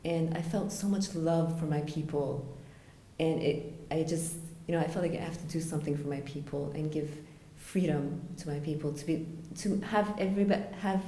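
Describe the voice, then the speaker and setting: Earnest low-voiced woman in an echoey room. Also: warm tone, a little hiss or hum. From United States (Florida). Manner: earnest, halting with fillers. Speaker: interviewee. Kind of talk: conversational interview.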